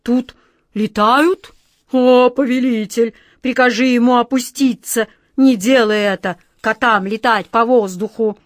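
A woman's voice: a little high, lively intonation, dry recording, clean studio sound. A woman voicing a frightened, whiny male genie who pleads in a trembling voice, for an audiobook. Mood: pleading, fearful. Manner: trembling, pleading, slow drawn-out wails. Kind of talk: audiobook reading.

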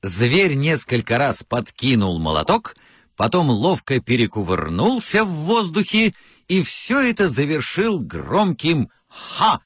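A man's voice: medium pitch, wildly swooping pitch, unhurried, a bit bright, husky, no echo, clean studio sound. A man narrating a children's story from a script with lots of expression.

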